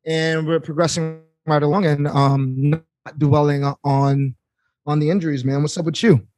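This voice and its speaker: High-pitched joking New guy. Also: flat delivery, moderate pace, darkish tone. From New York, Queens. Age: 30s. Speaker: podcast co-host. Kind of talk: casual chat.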